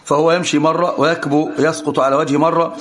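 A man giving a religious lesson to students, animated and teasing as he teaches. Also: a little high, fast. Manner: animated, teasing, often laughing.

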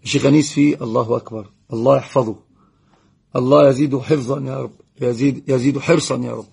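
A man giving a live religious Q&A lesson, answering viewer questions quickly and greeting and blessing viewers by name. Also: mid-range voice, fairly even intonation, gravelly, a little mellow, slightly rough. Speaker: religious teacher.

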